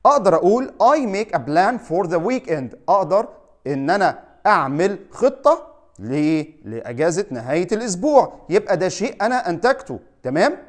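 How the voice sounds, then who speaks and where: A man's voice: high-pitched, sing-song, moderate pace. A man teaching English in Egyptian Arabic, chatty and upbeat, often checking in with his listeners. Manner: upbeat, chatty teacher who repeats "tamam?". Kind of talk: friendly explainer lesson. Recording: echoey room.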